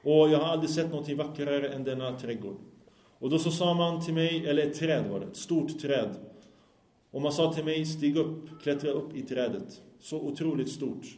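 A man's voice: fairly high pitch, a little mellow, roomy sound. A man giving a religious lecture, telling a story in an explanatory way and stopping to check that listeners follow.

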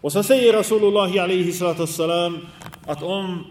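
A man's voice: sits high, far from the mic, a little hiss or hum. Preaching man in an echoing hall. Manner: weaves Arabic religious phrases into Swedish; earnest, exhorting tone with rhetorical questions. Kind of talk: Islamic sermon. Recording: echoey hall reverb.

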